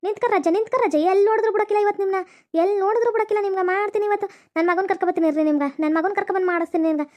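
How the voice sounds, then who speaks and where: Squeaky deaf old village granny, north karnataka accent, scolding fast, cartoon. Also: fairly even intonation, a little mellow. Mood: threatening. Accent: North Karnataka Kannada. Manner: scolding, threatening. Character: deaf old village woman, angry, broom-wielding. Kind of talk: cartoon comedy voice acting.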